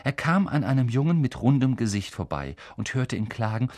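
A man's voice: mid-range voice, lively intonation, fairly quick, darkish tone, dry recording, clean studio sound. A man reading a novel aloud in scripted narration, storytelling expressively. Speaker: audiobook reader.

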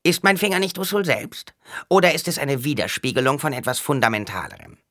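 A man's voice: medium pitch, expressive, fairly quick, fairly bright tone, no room sound, studio quality, voice pushed up. A man voicing an impish male dwarf servant with a squawking voice, playful and riddling. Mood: mocking riddles.

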